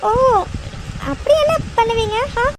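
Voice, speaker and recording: A woman's voice: very high voice, measured pace, very noisy. A woman voicing a young woman in love in a cartoon who turns tearful and pleading, then coy. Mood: coy teasing. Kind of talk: cartoon voice acting.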